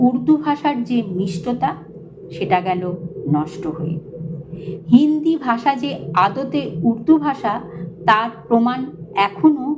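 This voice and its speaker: A woman with a fairly high voice reads an essay aloud, laying it out in short, measured phrases and leaning hard on key words. A steady hiss sits behind her voice throughout. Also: muffled recording. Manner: measured, phrase-by-phrase delivery with pointed emphasis. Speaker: narrator reading an essay. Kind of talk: read-aloud essay narration.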